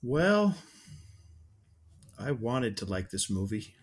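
A man on a casual podcast, talking through a film he didn't enjoy. His voice sits at an ordinary middle pitch, and his speech wanders, restarts and circles back as he searches for the right words. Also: very animated, slow, breathy edge. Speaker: podcast co-host reviewing films. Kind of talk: casual film review chat.

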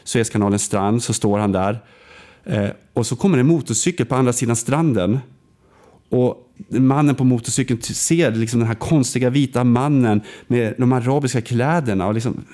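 A man in casual conversation, telling a film story with restarts and fillers. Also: dark tone. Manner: storytelling, acts out quoted lines with big pitch swings; hesitant, frequent restarts and fillers.

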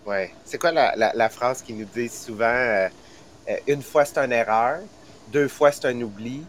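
A man's voice: mid-range voice, moderate pace, a little hiss or hum. A man on a podcast, agreeing earnestly and building on what others say, sometimes repeating words as he goes. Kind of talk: casual podcast chat.

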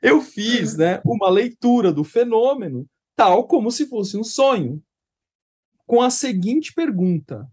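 A man's voice: sits high, measured pace, breathy edge. Brazilian male therapist telling stories. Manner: animated storytelling with many restarts. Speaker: psychotherapist podcast co-host. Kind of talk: casual chat.

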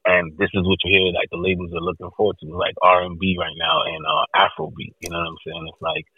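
Laid-back gravelly man on a phone line. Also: low-pitched, fast, dry recording. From Jamaica. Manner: laid-back, filler-heavy, trails off quietly. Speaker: guest singer. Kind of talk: casual phone interview. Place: outdoors at a street event.

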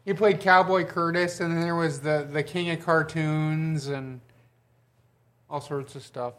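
Higher voiced guy in a studio movie chat, keeps asking does anybody remember. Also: fairly even intonation, fairly bright tone. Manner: quick to ask the group questions. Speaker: podcast co-host. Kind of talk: casual chat.

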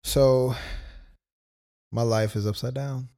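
A young man co-hosting a podcast speaks at a slow pace in a medium-pitched, gravelly voice with a warm tone and fairly even intonation. He tells a personal story casually, loosely stringing it together with "like"s and quoted asides.

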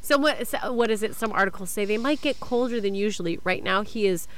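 A woman's voice: medium pitch, brisk, smooth. A woman co-hosting a podcast in casual chat, telling stories in a dramatic, self-mocking way. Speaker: podcast co-host.

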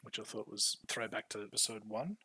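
A man's voice: fairly low pitch, fairly quick, husky, no room sound. Sweary laughing podcast guy. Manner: sweary, laughs often, animated. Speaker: podcast co-host, show newcomer. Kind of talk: casual recap chat.

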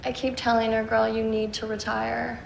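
A woman's voice: a little high, completely flat delivery, normal speed, creaky, roomy sound, a little hiss or hum, rough recording. An actress playing a catty, gossipy young woman in the modeling industry, from a played-back clip. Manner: mocking, gossipy.

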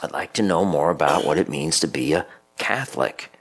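A man voicing a dying old man, using a low, gruff voice full of regret. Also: a little fast. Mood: earnest.

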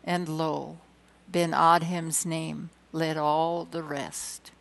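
A woman reading poems aloud with dramatic emphasis, slowing and swelling on key lines, with hesitant asides between poems. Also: low-pitched, level tone, vocal fry, a bit bright, rough recording. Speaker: poetry reader.

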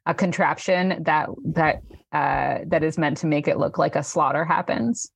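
A woman's voice: low-pitched, steady tone, moderate pace, gravelly, slightly rough, no echo. A woman narrating as game master in a tabletop game, hesitant and full of ums.

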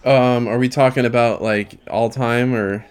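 A man's voice: medium pitch, steady tone, unhurried, clean tone. A man co-hosting a casual wrestling podcast, giving opinions with hesitant restarts. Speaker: podcast co-host.

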